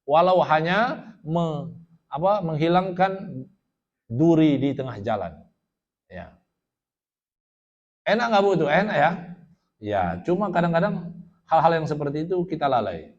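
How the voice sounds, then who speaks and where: A man's voice: fairly high pitch, big pitch swings, a little slow, long pauses, lo-fi sound. A male preacher giving a storytelling sermon to a study gathering, quoting Arabic and then explaining it in plain talk, often asking his listeners questions. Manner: asks the audience rhetorical questions.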